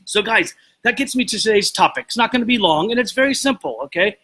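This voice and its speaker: A man talks straight to his live viewers in a loose, rambling style. His voice sits a bit high and has a bright, forceful edge. He gets excited as he goes and breaks off to greet people by name. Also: fast talker, poor audio. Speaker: host of a live video show. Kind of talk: casual motivational talk to live viewers.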